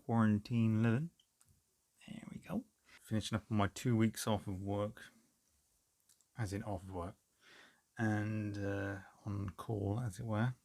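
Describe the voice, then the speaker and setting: A middle-aged man talks casually through his home guitar project, full of ums and jokes at his own expense. His voice sits on the low side, with a gravelly rasp. He records in a small, cluttered room at home. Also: steady tone, unhurried, long pauses, darkish tone. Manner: self-deprecating, rambling with many ums. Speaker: guitar hobbyist vlogger. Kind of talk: casual rambling vlog.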